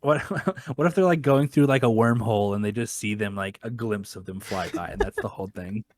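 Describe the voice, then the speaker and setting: A man's voice: on the low side, brisk, no room sound. A young man co-hosting a casual chat, rambling and joking with frequent laughs. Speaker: co-host.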